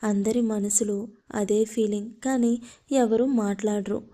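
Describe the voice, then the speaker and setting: A woman narrating a love story, reading in a steady, flat way. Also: mid-range voice, a little slow.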